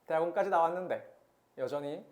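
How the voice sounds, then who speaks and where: A young man delivers a sermon to a youth congregation in an easy, talking manner. He keeps asking the listeners rhetorical questions. When he reads scripture, his pace turns steady and measured. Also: a little high. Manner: conversational preaching with frequent rhetorical questions. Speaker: pastor.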